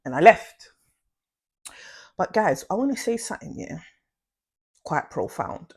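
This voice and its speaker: A young woman telling a slangy, animated storytime vlog. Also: fairly low pitch, a little slow, breathy edge. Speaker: vlogger.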